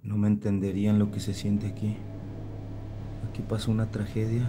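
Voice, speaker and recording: A man's voice: on the low side, monotone, moderate pace, background noise. A man narrating a grim story in a grave, ominous voice-over. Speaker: vlog host. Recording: voice-over with loud music behind.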